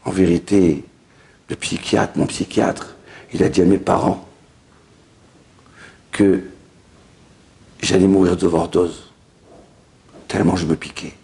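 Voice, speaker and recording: A man voicing a troubled young male addict who quietly confesses to a rabbi. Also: deep voice, steady tone, slow pace, gravelly, pauses often, pitched below the performer's own voice, exaggerated voice. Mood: confiding.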